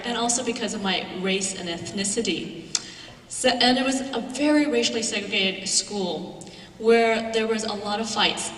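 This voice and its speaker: In a large lecture hall, a guest professor shares a personal anecdote during her symposium talk, speaking casually with the occasional filler. She has a mid-range, fairly bright voice; the sound is echoey, distant from the mic, with a little background noise.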